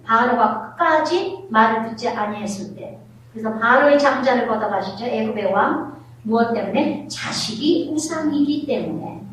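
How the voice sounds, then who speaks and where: A middle-aged woman pastor preaching a sermon, telling family stories with animated, acted-out scenes. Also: high-pitched, a little hiss or hum. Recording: very echoey hall, voice from far off.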